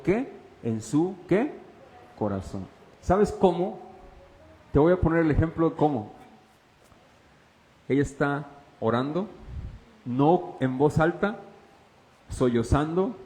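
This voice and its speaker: A man preaching a sermon as pastor, questioning the congregation and swinging from loud to hushed. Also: fairly high pitch, in a large hall, rough recording. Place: church.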